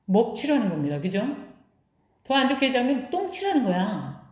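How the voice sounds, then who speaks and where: A woman's voice: a little high, very animated, brisk, a little mellow. A woman pastor preaching a sermon, putting rhetorical questions to her congregation and answering them herself. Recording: echoey room.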